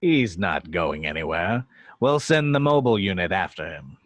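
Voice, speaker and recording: A man playing a sinister, smug villainous judge in an amateur film-script read, measured and coolly mocking. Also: sits low, big pitch swings, no echo, muffled recording. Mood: menacing.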